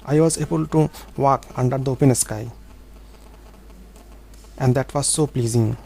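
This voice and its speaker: A man telling his own life story as a vlog monologue, in an earnest, halting way with small grammar slips. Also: medium pitch, warm tone, low-quality recording.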